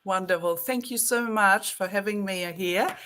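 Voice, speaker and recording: A woman's voice: mid-range voice, a little slow, a bit bright, a little hiss or hum. A woman in her sixties with a German accent, a podcast guest telling her story in a reflective, earnest way. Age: 60s. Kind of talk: casual interview chat.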